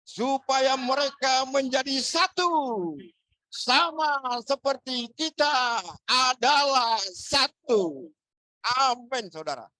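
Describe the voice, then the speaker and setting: A man from Ambon speaks at a church fellowship gathering with a high voice, earnest and preacherly. He lifts his delivery when quoting scripture. The sound is dry and close. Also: sharp tone, dry recording. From Ambon, Indonesia. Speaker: church member sharing. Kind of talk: sermon-style sharing.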